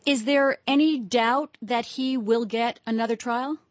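Woman as interview host, slightly high pitch, close dry sound, direct questioning. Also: steady tone, unhurried, no echo.

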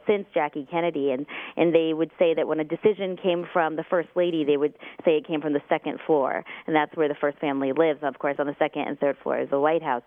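Radio guest: woman author, low voice, lively and quick, heard over a tinny phone line. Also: dry recording. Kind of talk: radio interview.

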